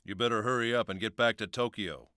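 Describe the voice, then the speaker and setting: A man's voice: fairly low pitch, fast talker, bright, forceful tone, clean tone, no room sound, studio quality. A man voicing a brusque, arrogant male sword master in an ad-libbed dub outtake. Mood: gruff. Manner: brusque, scolding.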